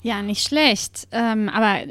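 A woman's voice: mid-range voice, slow, fairly bright tone, no room sound. A woman hosting a podcast, chatting casually and sharing her own stories. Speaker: podcast host. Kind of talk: casual chat.

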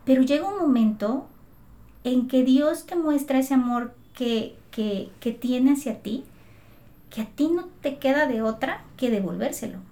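A woman's voice: high voice, a little slow, mellow. A mother telling her faith story in an earnest, emotional way, often restarting her sentences. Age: adult mother. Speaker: guest sharing her faith testimony. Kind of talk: heartfelt testimony in conversation.

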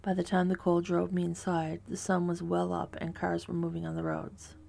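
Woman, horror story narration, very gravelly voice, dark mellow tone, flat hushed delivery. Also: on the low side. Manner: hushed, measured, dread-filled delivery.

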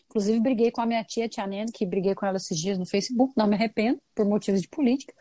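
A woman in her thirties from Brazil hosts a casual podcast chat and tells stories in an animated way, acting out what people said in shifted voices. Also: mid-range voice, very fast, no room sound. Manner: animated storyteller, acts out quotes in shifted voices. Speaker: podcast host.

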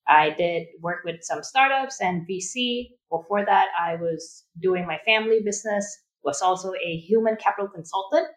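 A Thai project manager joins a podcast as a guest for a casual interview, chatty and friendly, often correcting herself mid-sentence. Her medium-pitched voice moves at a moderate pace with hardly any pauses, and the recording is rough.

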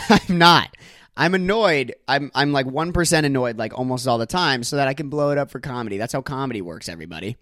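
A man's voice: mid-range voice, animated, fairly quick, a bit bright, no echo, clean studio sound. A young man hosting a solo comedy podcast, doing exaggerated mock-angry rants laced with swearing. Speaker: podcast host.

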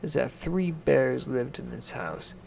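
A man reading a children's fairy tale aloud in a gentle, deliberate manner. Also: mid-range voice, creaky, slight background noise. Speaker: storyteller.

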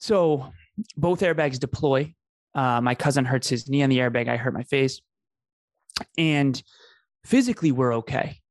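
A man's voice: mid-range voice, measured pace, long pauses, dry recording, clean studio sound. A man, telling his life story in an earnest, emphatic conversational way. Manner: earnest, emphatic, repeats phrases for effect. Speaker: podcast host telling his story as a guest.

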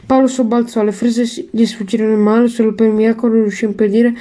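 A woman reads a children's novel aloud, calm and steady, stumbling now and then and correcting herself. Her voice sits fairly high, with a warm, mellow tone. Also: fast. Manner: steady read-aloud with small slips and restarts. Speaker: reader.

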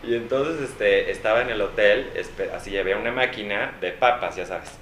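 A man's voice: lowish voice, moderate pace. Mexican man telling stories in a roomy space. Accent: Mexican Spanish. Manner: animated, self-mocking storyteller. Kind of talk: casual chat. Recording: roomy with faint noise.

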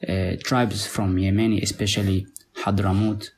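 A man with a Somali accent, a native Somali speaker, talking as a podcast guest in a halting way, with many pauses and repeated words. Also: sits low, level tone, a little hiss or hum. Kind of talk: conversational interview.

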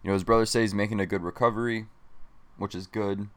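A young man hosting his own sports podcast, talking casually and rambling, with a self-admitted monotone delivery. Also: lowish voice, fast. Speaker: podcast host.

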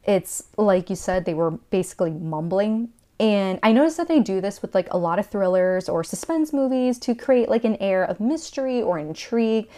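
A woman's voice: mid-range voice, normal speed, hardly any pauses, dark tone. A woman co-hosting a casual movie review chat, chatty with frequent "like" fillers. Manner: chatty, lots of "like" fillers, laughs often. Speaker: podcast co-host.

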